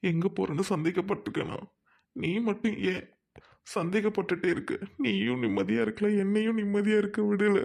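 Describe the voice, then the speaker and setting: A woman's voice: mid-range voice, fairly even intonation, a little fast, creaky. A woman playing a hurt village husband who reproaches his wife, then comforts her. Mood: bitter, despairing. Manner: bitter reproach, then soft reassurance.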